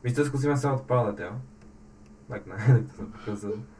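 A man hosting a casual gaming session, coaching a guest with urgent, rapidly repeated commands. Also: medium pitch, darkish tone, slight background noise. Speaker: host guiding a guest through a game.

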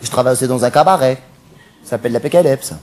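A male comedian on stage playing a flamboyant, cross-dressing cabaret dancer in a stand-up character monologue, camp and theatrical, quick to snap at the audience. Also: medium pitch, darkish tone, close to an everyday voice. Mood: camp chatty.

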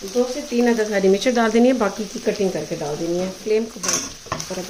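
A woman, hosting a cooking show, calmly talking through a recipe step by step. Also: medium pitch, a little fast, slight background noise, rough recording. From Pakistan. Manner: calm, methodical, checks in with "ठीक है". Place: home kitchen. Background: frying and stirring sounds.

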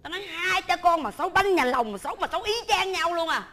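A woman in a comedy skit, exclaiming and nagging loudly. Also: very high-pitched, animated, quick pace. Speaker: comedy sketch performer. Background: audience crowd.

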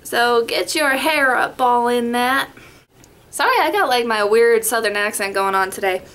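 Speaking at a moderate pace, this young woman has a fairly high, slightly bright voice. She's a Las Vegas beauty vlogger rambling chattily through a makeup tutorial, recorded by the webcam in front of her at home in her bedroom.

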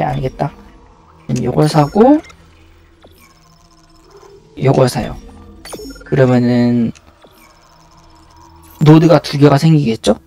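A man's voice: medium pitch, vocal fry, darkish tone. A man giving casual live video game commentary, muttering and thinking aloud to himself as he plays.

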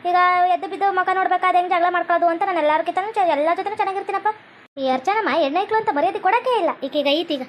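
A gossiping village neighbor, played by a woman in a comedy skit. She chatters rapidly in a very high voice with a North Karnataka Kannada accent. Faint background noise sits behind her. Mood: gossipy.

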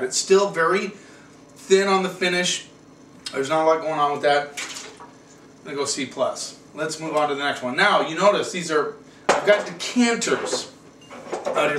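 A middle-aged American man with a fairly bright voice on the high side hosts a casual wine review. He chats to camera in a small indoor room, drifting into rambling asides. The recording sounds roomy, with a distant mic and slight noise.

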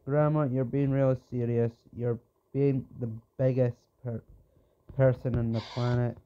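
A man's voice: medium pitch, flat delivery, a little slow, warm tone, muffled recording. A man giving let's play commentary, rambling and pleading with the game character as he plays. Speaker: gamer.

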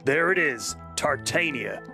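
A man's voice: on the high side, expressive, measured pace, music in the background. A man voicing a cool, laid-back male space smuggler in a comedy story reading, speaking offhand and casual.

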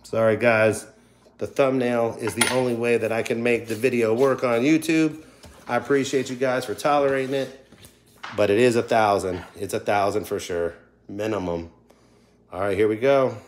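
A man's voice: mid-range voice, steady tone, moderate pace, slight background noise. A middle-aged man giving casual, chatty livestream commentary to his viewers. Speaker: livestream host scratching lottery tickets. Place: indoors at a wooden table.

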